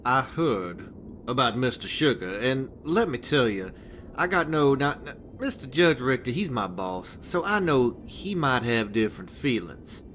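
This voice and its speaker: A man's voice: mid-range voice, big pitch swings, unhurried, a bit bright, a little hiss or hum. An actor playing a crude, rambling male hitman boss in a video game, talking in a profane, stammering flow full of restarts. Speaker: game character giving a hitman job.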